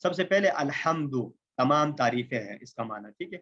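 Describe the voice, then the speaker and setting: A man from Pakistan teaching a tajweed lesson, explaining step by step, checking in with the listener often and slowing down for Arabic terms. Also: mid-range voice, expressive, fairly bright tone. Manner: explanatory, repeats points with "ٹھیک ہے" checks; slows down for Arabic terms and examples. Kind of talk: recorded Quran recitation lesson. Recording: slightly dull lo-fi recording.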